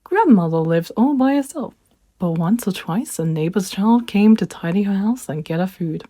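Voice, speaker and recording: A woman storyteller reads a children's fairy tale aloud, gentle and expressive. Her voice is warm and mellow, with a dry, close sound and no room around it. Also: medium pitch, moderate pace, no echo.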